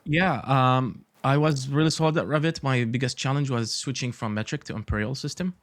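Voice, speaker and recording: Speaking a little fast in a medium-pitched voice with no echo, an Iraqi architect in his forties talks casually as a podcast guest. He leans on lots of fillers and shows dry humor throughout the interview.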